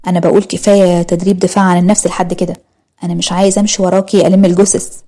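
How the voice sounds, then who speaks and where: A woman voicing a devoted young husband in an audio story, speaking softly and reassuringly with an Egyptian accent. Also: fairly low pitch, level tone, very fast. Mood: tender. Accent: Egyptian Arabic.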